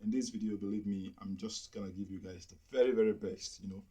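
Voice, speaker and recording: Husky low-voiced male video host. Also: steady tone, fast, warm tone. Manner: repeats phrases for emphasis. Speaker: host of comedy reaction videos. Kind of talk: upbeat video intro to viewers.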